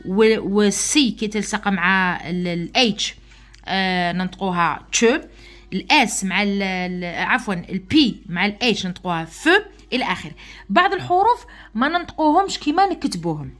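In an online lesson, a woman with an Algerian Arabic accent teaches English letter sounds to young pupils, patiently repeating each sound slowly and often checking that they are following. Her voice is medium-pitched, animated, and fairly bright.

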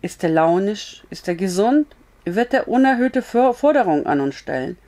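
A woman's voice: mid-range voice, expressive, normal speed, warm tone, lightly acted. A woman reading a story aloud, voicing a frank, blunt but comforting young woman in an earnest, raised voice.

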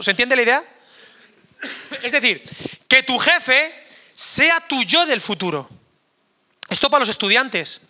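A hoarse male pastor preaching an energetic, joking sermon to young people in a church, acting out quoted voices. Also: high-pitched. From Spain. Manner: animated, jokey, acts out quoted voices. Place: church hall.

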